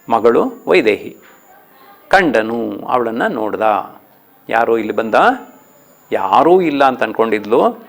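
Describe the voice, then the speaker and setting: Guy teaching a poem online, slow and gravelly, chants the verse then explains it. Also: mid-range voice. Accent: Kannada. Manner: recites verse lines slowly, then paraphrases them in plain speech.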